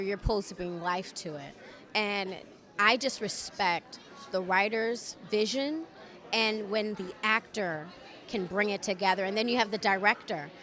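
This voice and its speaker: A woman's voice: mid-range voice, a bit bright. A woman actor giving an emphatic answer in a red carpet interview.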